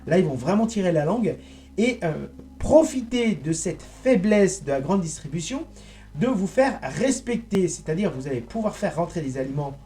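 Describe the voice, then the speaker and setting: A man giving a rambling, indignant monologue to his viewers, halting and restarting as he goes. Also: high voice, animated, mellow. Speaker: online political commentator.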